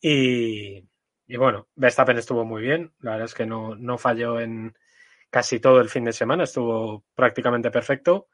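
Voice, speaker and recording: A man's voice: medium pitch, fairly even intonation, normal speed, dry recording. A man from the panel of a motorsport podcast, commenting casually and bluntly in a Spain Spanish accent, with wry colloquial asides.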